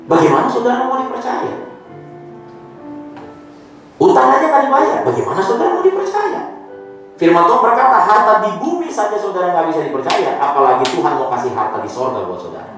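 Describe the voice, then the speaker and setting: A male pastor from Indonesia preaching with a lively, swinging voice that keeps putting questions to his congregation. The recording sits far off in a strongly echoing church hall, with quiet instrumental music underneath. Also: very high voice. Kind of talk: sermon.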